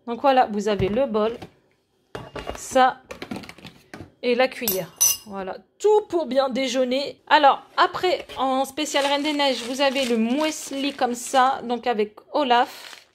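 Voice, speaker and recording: A woman in her forties from France talks her viewers through a shopping haul in a relaxed, chatty way. Her voice sits a little high, and she pauses often with small fillers as she holds things up. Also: a little hiss or hum. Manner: chatty, shows products to camera with many fillers. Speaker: vlogger. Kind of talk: casual haul vlog.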